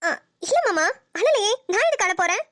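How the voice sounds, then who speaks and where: A woman's voice: very high voice, big pitch swings, normal speed, fairly bright tone, no room sound, clean studio sound, exaggerated voice. A woman voicing a cheeky young female college student in a cartoon, teasing and playful in her banter. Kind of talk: cartoon voice acting.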